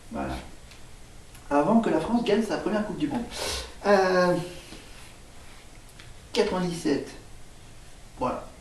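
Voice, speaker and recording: Man rambling slowly through a home vlog, lots of uh and restarts, sounds kinda far from the mic in an echoey room. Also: fairly high pitch, a little mellow, a little hiss or hum. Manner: hesitant, many fillers and restarts. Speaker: vlogger. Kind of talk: rambling casual vlog, spelling words aloud.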